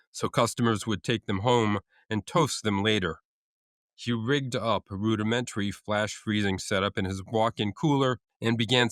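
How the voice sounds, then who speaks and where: A man's voice: lowish voice, fairly bright tone, no echo, studio quality. A man co-hosting a casual podcast, reading out food trivia with frequent uhs and restarts. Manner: reads out facts with many uhs and restarts. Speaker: co-host.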